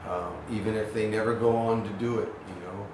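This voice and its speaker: A man in his forties, a guest in a casual interview, telling stories with lively acted-out quotes and frequent laughter. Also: fairly low pitch, a little fast, recorded from a distance. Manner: animated storyteller who acts out quotes loudly and laughs often. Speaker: interview guest, actor and father. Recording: echoey room, voice from off-mic, noisy background.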